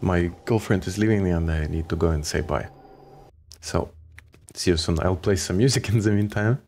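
A man with a Ukrainian accent giving relaxed, casual commentary while streaming a game, swearing offhandedly. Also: sits low, normal speed.

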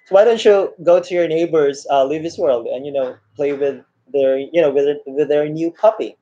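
A friendly live streamer in his 30s, speaking at normal speed with a fairly high pitch and dark tone, casually chats with viewers, reading their comments aloud, naming those he greets, and laughing often. He's indoors in a small room, and the laptop webcam mic makes it sound dull and lo-fi.

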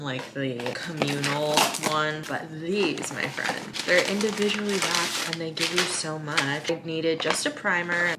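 A woman's voice: low voice, heavy background noise. Chatty young woman vlogging at home. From California. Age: 20s. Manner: chatty and upbeat, talking to the camera. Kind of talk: casual vlog chat. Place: home kitchen, indoors. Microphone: camera close to the face.

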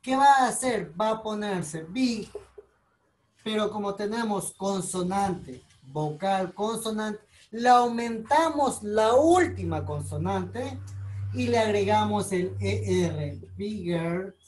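Patient woman teacher, measured delivery, spells things out for her students. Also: medium pitch, lively intonation, a little mellow. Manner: patient, explains slowly step by step, spells out letters. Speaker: English teacher. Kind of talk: recorded online class explanation.

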